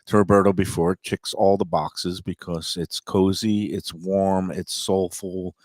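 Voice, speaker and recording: Male show host, deep voice, laid-back enthusiasm for food, recorded close and dry. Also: level tone, a little slow, a little mellow, no room sound. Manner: easygoing, enthusiastic about food. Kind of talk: live on-location chat show. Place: restaurant.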